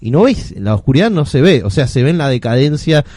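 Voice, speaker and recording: Man, Rioplatense Argentine accent, radio columnist, relaxed rambling talk, mid pitch, dry studio sound. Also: a little fast, dry recording. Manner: relaxed, rambling with fillers and restarts. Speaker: literature columnist. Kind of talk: casual radio commentary.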